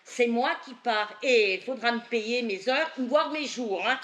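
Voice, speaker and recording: A woman playing a blunt, earthy housemaid in a stage farce, fairly high and chatty. She speaks plainly with little fillers, in an echoey hall. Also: unhurried, fairly bright tone. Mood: indignant. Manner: blunt, chatty, laughs between lines. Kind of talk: amateur stage comedy. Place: theatre stage before an audience.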